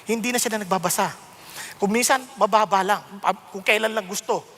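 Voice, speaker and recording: A middle-aged Filipino pastor preaching an animated sermon that switches between Tagalog and English. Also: high-pitched, fairly quick. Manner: animated, mixing Tagalog and English, self-mocking humor. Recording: long hall reverb.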